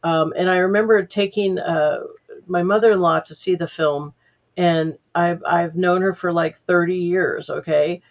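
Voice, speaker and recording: A woman's voice: fairly low pitch, fairly even intonation, measured pace, lo-fi sound. An older woman, a sound editor as podcast guest, telling anecdotes in a chatty way full of fillers. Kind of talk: casual interview storytelling.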